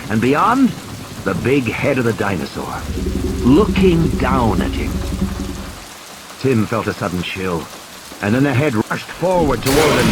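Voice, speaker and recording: Very noisy audio frames a man with a mid-range voice as he reads a thriller audiobook in a dramatic, scripted style. Clear rain and storm effects play behind him, along with rain, vehicle and ambience sound effects.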